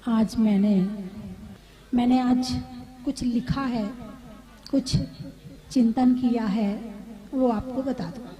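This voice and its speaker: A woman's voice: a little high, fairly even intonation, slow, long pauses, warm tone. A woman preacher giving a sermon to a seated audience, repeating her points and asking listeners questions. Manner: repetitive, asks the audience questions. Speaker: Jain preacher. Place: live gathering with seated audience.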